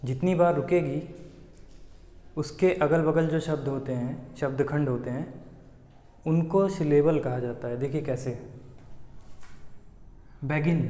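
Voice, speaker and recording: A man's voice: on the high side, warm tone. A man teaching English grammar in a patient way, asking questions and answering them himself. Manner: slow, patient, asks then answers his own questions. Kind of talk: explaining a lesson. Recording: echoey room with long reverb.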